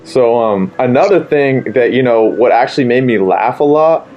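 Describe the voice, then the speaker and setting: A man's voice: mid-range voice, lively intonation, normal speed, highs cut off, over music. A man interviewing a voice actor about his film, asking loosely phrased, rambling questions in a casual chat. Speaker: interviewer, filmmaker.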